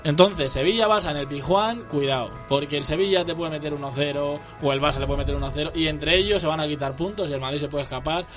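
A man in a casual football chat, opinionated and animated, speaking as a fan. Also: on the high side, fast, hardly any pauses, faint music behind.

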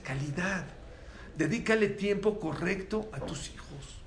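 Animated Mexican man giving a religious talk. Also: high-pitched, unhurried, a little hiss or hum. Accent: Mexican Spanish. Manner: animated storyteller who acts out dialogue. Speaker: religious lecturer. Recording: echoey room with faint ambience.

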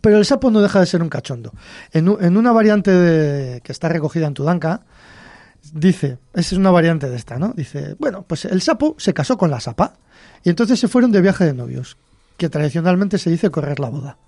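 Man, Cantabrian accent, podcast host, folk tale storytelling, chatty, chuckling, mellow, fairly high. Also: very animated, fairly quick, no echo, clean studio sound.

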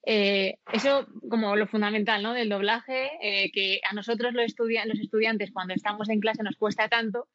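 A woman, a voice-acting student, answering interview questions thoughtfully with frequent fillers and pauses. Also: medium pitch, steady tone, a bit bright, no echo, lo-fi sound. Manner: thoughtful, hesitant with many fillers. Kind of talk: conversational interview.

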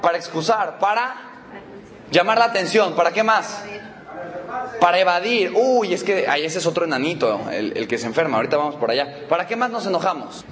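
A man's voice: sits high, lively intonation, brisk, fairly bright tone. A man with a Mexican accent leading a motivational seminar, teasing the audience with rhetorical questions. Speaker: motivational speaker.

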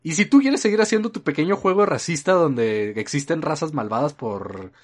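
Mexican guy just chatting, lots of "este" fillers, rambly, trails off quiet. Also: a little high, expressive, normal speed. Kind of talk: casual chat.

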